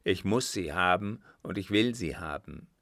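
Male reader as a stubborn lovesick schemer, low insistent voice, dry close audiobook sound. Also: animated, normal speed, fairly bright tone, dry recording. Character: lovesick, vengeful young man, obsessive. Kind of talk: audiobook reading.

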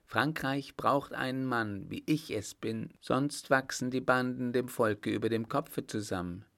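A man's voice: medium pitch, a little slow, creaky, a bit bright. A man voicing a stern, imperious emperor in an audiobook, snapping out short, clipped questions. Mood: contemptuous, confident. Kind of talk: audiobook character voice.

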